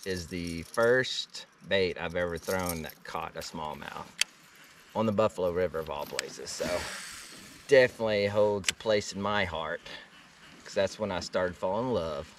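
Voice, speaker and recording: A deep-voiced man fishing from a kayak on a river chats at a measured pace in casual, laid-back slang for his fishing vlog. The action camera on the kayak picks up a noisy background and sometimes catches him at a distance.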